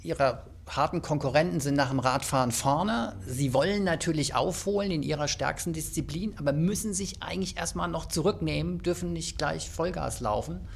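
A man's voice: a little high, normal speed, creaky, hardly any pauses, slight background noise. A male radio host interviewing an athlete in a conversational way, recapping the answers.

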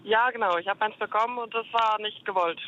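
A woman's voice: mid-range voice, steady tone, fast, bright, forceful tone, a little hiss or hum. A woman calling into a radio show on a hands-free phone from her car, answering in short, hesitant bits with fillers. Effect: hands-free phone call from a moving car. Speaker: caller. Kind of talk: call-in radio chat. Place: car on the road. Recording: dull lo-fi phone line.

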